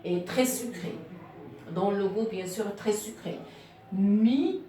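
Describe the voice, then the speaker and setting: A woman teacher speaks slowly and carefully, sounding out each syllable for beginners. Her voice sits a little away from the mic in a very echoey room. Faint ambient noise runs underneath. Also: medium pitch, mellow, distant mic. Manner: slow, deliberate, repeats and syllabifies words. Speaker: French teacher. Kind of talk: phonetics lesson for beginners.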